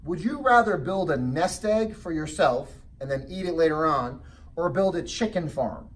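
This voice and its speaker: A man presenting a real estate investing seminar, telling personal stories in an animated way and often checking in with rhetorical questions. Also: fairly high pitch, moderate pace, far from the mic. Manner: animated storytelling with frequent rhetorical check-ins. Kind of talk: motivational sales seminar talk.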